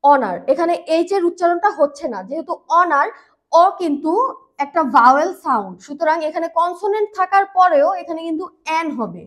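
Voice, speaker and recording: A woman teaching English grammar in a patient, repetitive way, slowing down on key words and using fillers. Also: very high voice, animated. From Bangladesh. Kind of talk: grammar lesson explanation.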